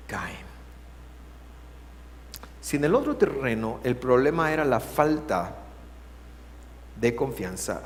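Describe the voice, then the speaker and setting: Animated Guatemalan preacher in a reverberant hall. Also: male voice, medium pitch. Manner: animated preaching, alternating loud emphasis with hushed, drawn-out words. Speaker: pastor. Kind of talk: sermon. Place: church sanctuary. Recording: reverberant hall, faint hum.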